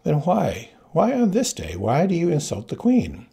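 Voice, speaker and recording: A shaken, bewildered young queen, voiced by a man narrating an audiobook speaks in a slightly lifted, pleading tone. Her voice keeps a gravelly, husky texture underneath. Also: on the high side, wildly swooping pitch, moderate pace, warm tone, pitched above the performer's own voice, full character voice. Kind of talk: audiobook character voice.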